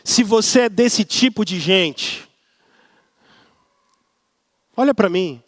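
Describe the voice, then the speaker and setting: A man's voice: high-pitched, expressive, slow pace, a bit bright, no echo, clean studio sound. A man with a Brazilian accent preaching a sermon as pastor, emphatic and repetitive, often mimicking grumbling people. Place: church service.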